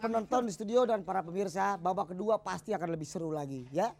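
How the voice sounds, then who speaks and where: Gravelly high-voiced male co-host. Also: fast, darkish tone. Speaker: quiz co-host. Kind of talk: comedy show hosting.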